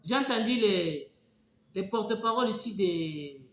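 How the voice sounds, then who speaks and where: A man from the Congo with a Congolese French accent, giving emphatic spoken political commentary and telling stories with halting restarts. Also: sits high, animated, fairly bright tone, reverberant.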